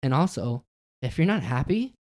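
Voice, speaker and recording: A laid-back man co-hosting a podcast, chatting casually with lots of slang and filler words. His voice sits at an ordinary pitch with a mellow, darker tone. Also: very animated, normal speed. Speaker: podcast co-host. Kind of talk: casual chat.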